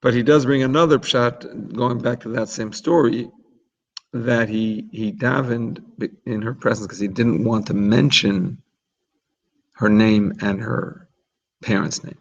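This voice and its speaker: A man's voice: medium pitch, fairly even intonation, unhurried, highs cut off. A man teaching an informal religious class in a chatty, explanatory way, often restarting his sentences. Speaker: Torah teacher.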